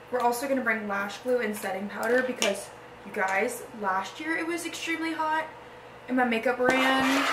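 A sorority member in her early twenties chats bubbly and casually to a handheld or propped camera in a get-ready-with-me vlog. Her fairly high voice sounds far from the mic, with roomy echo from small rooms in an apartment and house and faint background noise.

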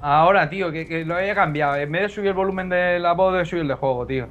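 A young man chatting rapidly with a friend during a co-op game and fussing about audio levels. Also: on the high side, phone-quality sound. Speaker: gameplay co-host. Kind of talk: casual co-op gameplay chat.

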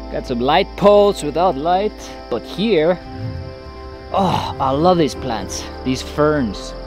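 Young guy vlogging on an arm's-length camera outside, chatty and excitable, faint music behind. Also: medium pitch. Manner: chatty, excitable, quick to laugh. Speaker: travel vlogger. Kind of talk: casual travel vlog narration. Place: outdoors in rural hills and an open-air bamboo restaurant. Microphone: handheld action camera at arm's length.

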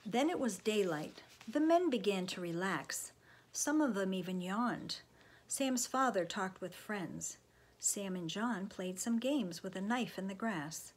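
A woman reading a children's book aloud, expressive, often dropping into a hushed whisper. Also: medium pitch, unhurried, breathy edge. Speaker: storybook reader.

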